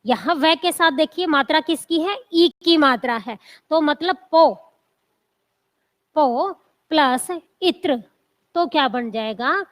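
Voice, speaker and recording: A woman teacher giving an exam coaching lecture, spelling out word parts slowly and asking the class repeated questions. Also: sits high, a bit bright. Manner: slow, drawn-out syllable-by-syllable teaching with repeated questions.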